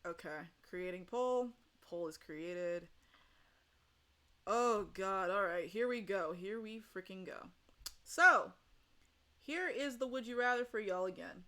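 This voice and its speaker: Casting note: woman, bright clear tone, casual host who rambles and laughs between thoughts. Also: mid-range voice, slow. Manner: rambling, laughing, self-correcting. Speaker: game host. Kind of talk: casual chat on a livestream panel.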